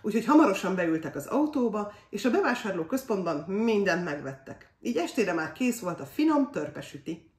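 A woman reading a children's fairy tale aloud in an expressive, animated way. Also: mid-range voice, distant mic. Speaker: storyteller. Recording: roomy echo.

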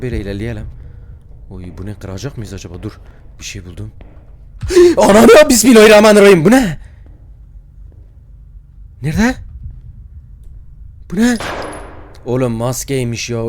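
A young YouTuber tackles a horror game, pretending to be fearless until he's yelping, shrieking, and mumbling prayers in fright. His jumpy commentary is voiced low and a little mellow, with slight background noise.

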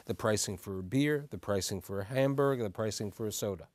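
A man's voice: lowish voice, fast, a little mellow, dry recording. A man in his sixties hosting a televised studio panel who presses his guests with questions and often repeats his opening words. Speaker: talk show host. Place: dark TV studio set. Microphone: lapel.

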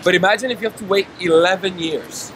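A man in his thirties speaks with earnest insistence about his cause, his voice set a little high for a man. He is recorded outdoors on a city street, with clear traffic noise running under every word. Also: fast. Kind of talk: street interview. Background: traffic and city ambience.

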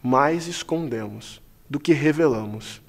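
A man, a pastor, delivering a scripted spoken manifesto in a slow, measured, solemn way with deliberate pauses. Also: medium pitch, vocal fry.

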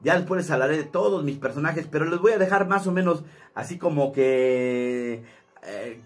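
A man's voice: on the high side, moderate pace. A man, a comedian chatting casually to his channel in a rambling way. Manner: chatty, rambling, many fillers. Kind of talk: casual vlog talk.

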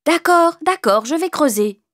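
A woman voicing a kind, gentle old man in a storybook tale, speaking in a raised, kindly tone. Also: sits high, lively intonation, normal speed, voice pushed up. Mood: delighted.

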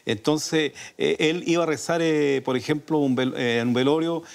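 A man's voice: on the high side, fairly even intonation, normal speed, vocal fry. Older Chilean man, folk singer guest, rambling storyteller, many restarts and fillers. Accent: Chilean Spanish. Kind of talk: relaxed storytelling interview. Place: radio studio.

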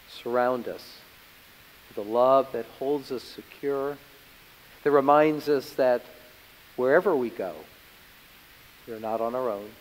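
An older man, a pastor, leading his congregation in prayer with a calm, measured delivery, heard from the front of a large church sanctuary. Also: mid-range voice, slight background noise. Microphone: far camera, standing before the lectern. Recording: long church-hall reverb.

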